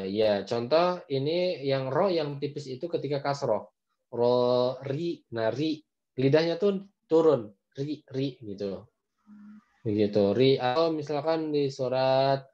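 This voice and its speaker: This Indonesian-accented teacher guides an online Quran recitation lesson by video call, demonstrating letter sounds slowly and explaining with patience. He has a warm, mid-range voice, and the audio's highs are cut off.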